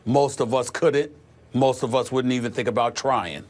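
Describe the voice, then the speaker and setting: A man's voice: medium pitch, normal speed. A middle-aged man hosting a sports talk show, speaking earnestly and reflectively, often restarting his sentences. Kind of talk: conversational sports talk tribute.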